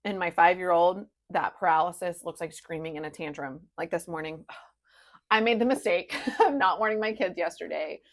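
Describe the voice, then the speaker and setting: A woman's voice: lowish voice, normal speed. A woman in her thirties, an ADHD coach, telling stories candidly in casual podcast chat. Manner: conversational, candid storytelling with many "like" fillers.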